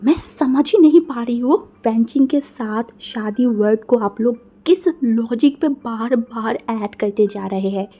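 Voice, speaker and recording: A woman voicing a furious young man who hurls loud threats and commands in a told story. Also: a little high, a little slow, hardly any pauses. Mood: cold anger.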